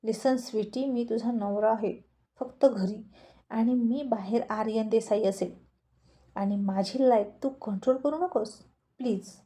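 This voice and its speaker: A woman's voice: on the high side, measured pace, warm tone, close to an everyday voice. A woman voicing a short-tempered young businessman husband in a storybook reading, curt and irritated, mixing in English phrases.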